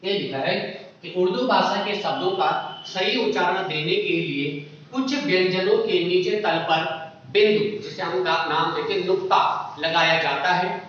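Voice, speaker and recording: A man's voice: sits high, a little slow, a bit bright, far from the mic. Man, Hindi grammar teacher, exam-prep lesson, repeats key terms, echoey dull room recording. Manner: asks the class questions and answers them himself.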